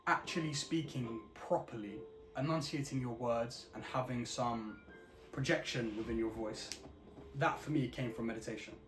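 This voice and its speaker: A man talking casually and earnestly about his own habits. He speaks slowly and deliberately, and he keeps checking in with the listener by asking if they know what he means. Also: mid-range voice, fairly bright tone. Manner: earnest, repeats "you know what I mean"; slow, deliberate, enunciated delivery. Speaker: vlogger. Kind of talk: casual reflective monologue. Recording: roomy echo with music behind.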